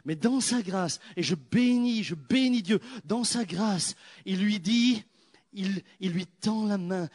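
Animated, high-voiced man preaching a sermon. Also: slow. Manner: animated storytelling, swinging from loud exclamations to hushed prayer.

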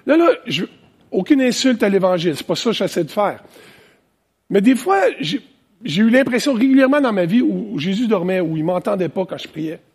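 Animated Quebecois pastor with husky voice. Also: male voice, high voice, fairly quick. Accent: Quebec French. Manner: animated, conversational preaching with asides. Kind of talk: sermon. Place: church, preaching to online viewers.

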